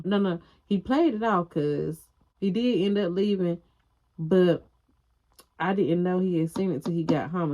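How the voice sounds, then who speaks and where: A young woman with a lowish, mellow voice tells her viewers a wild personal story. She talks frankly and casually, drops swear words without a second thought, and keeps turning to address the audience directly. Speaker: vlogger.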